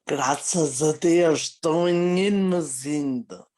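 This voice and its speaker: A woman with a Porto accent speaking haltingly on a video call, restarting her words. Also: low-pitched, dark tone. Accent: Porto Portuguese. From Portugal. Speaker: participant.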